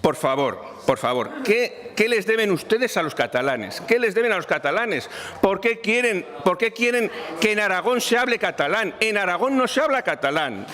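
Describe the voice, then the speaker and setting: A man's voice: high voice, big pitch swings, moderate pace, pushed and bright. A man giving an emphatic parliamentary speech, repeating phrases insistently. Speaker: parliamentary spokesman. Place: parliament chamber. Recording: long reverb of a parliament chamber.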